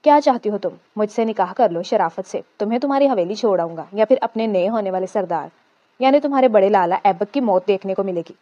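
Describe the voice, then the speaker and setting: A woman's voice: mid-range voice, animated, mellow, dry recording, dull audio, natural voice. Buraq, a woman reading a cold vengeful man. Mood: menacing. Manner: cold, contemptuous and threatening. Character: cold vengeful young man, about thirty, cruel.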